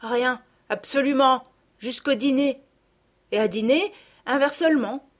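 A woman's voice: sits high, unhurried, voice pushed up. A woman voicing a sad, mistreated little girl in a storybook reading, speaking plaintively. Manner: plaintive, sighing.

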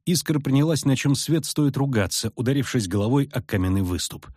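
A man narrating an audiobook in a steady storytelling manner. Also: medium pitch, brisk, breathy edge, dry recording. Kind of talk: scripted narration. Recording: dry close studio with faint music.

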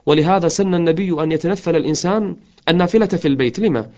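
A man preaching a sermon, telling stories and chanting verse slowly. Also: fairly high pitch, mellow. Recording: dull lo-fi audio.

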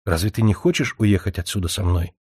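A man's voice: sits low, fairly quick, a little mellow, slightly rough, dry recording, clean studio sound. A man voicing a middle-aged writer who bursts out flustered and declaims pompously.

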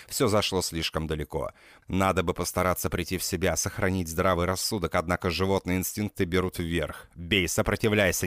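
A man's voice: low-pitched, a bit bright, no room sound, studio quality. A man reading a first-person novel aloud, with an intense, dramatic and sardonic delivery. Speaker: audiobook reader. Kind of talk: first-person audiobook narration.

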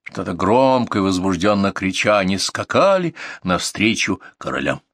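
A man narrating a fairy tale in an expressive, measured reading voice. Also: low voice, no echo. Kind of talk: storybook narration.

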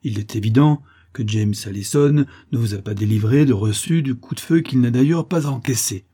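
A man voicing a calm, stern detective who speaks in a measured, firm way. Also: mid-range voice, husky.

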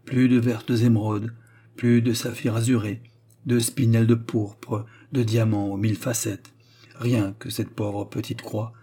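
A man narrating a literary tale in a measured storytelling manner. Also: mid-range voice, mellow, husky.

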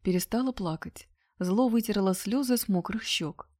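A woman narrating a first-person story in a steady, subdued reading voice. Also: medium pitch, moderate pace. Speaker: audiobook narrator.

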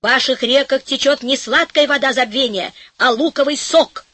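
A woman's voice: sits high, animated, fairly bright tone, dry recording, heavily acted. A woman reading an audiobook, voicing a fiery young man who is hot-tempered and lovesick and rants in heaps of words. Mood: indignant. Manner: rapid indignant ranting, emphatic word piling.

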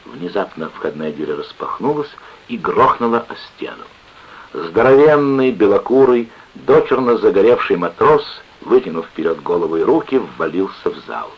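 A man narrating a story with expressive, lively reading, on an old lo-fi radio recording. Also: sits low, normal speed, husky.

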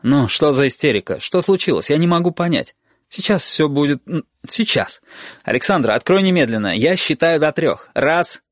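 A man's voice: on the high side, expressive, moderate pace, no room sound, studio quality, voice pushed up, lightly acted. Man doing a blustering stepfather. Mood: stern. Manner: roaring, threatening.

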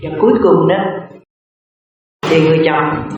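A woman, a Buddhist nun telling a moral story in a slow, unhurried sermon. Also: deep voice, steady tone, crowd noise. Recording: very echoey, distant, dull lo-fi sound.

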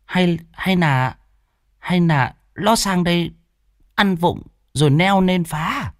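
A man's voice: high-pitched, slow, dry recording, studio quality, pitched above the performer's own voice. A man doing a hesitant older village wife. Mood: uneasy. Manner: hesitant, wondering aloud.

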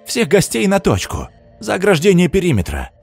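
A man's voice: high-pitched, wildly swooping pitch, moderate pace, gravelly, slightly rough, soft background music, pitched above the performer's own voice, exaggerated voice. A man voicing a cold, commanding young witch woman in an audiobook, with a mocking, imperious manner. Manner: imperious, mocking, sharp-tongued. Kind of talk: audiobook character voice.

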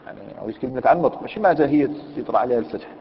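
A man's voice: medium pitch, animated, racing, gravelly. Algerian guy teaching arabic grammar, keeps asking the class stuff, long hall echo. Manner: conversational, questions students, mixes dialect with classical recitation. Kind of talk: classroom lesson with students. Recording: dull lo-fi recording in a long-echo hall, faint noise.

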